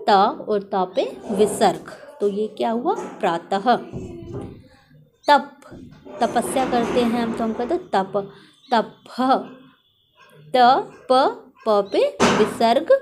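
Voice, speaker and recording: A woman teaching a primary school Hindi lesson, drilling sounds syllable by syllable and asking the class questions. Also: mid-range voice. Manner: slow, drawn-out syllable drills with call-and-response questions.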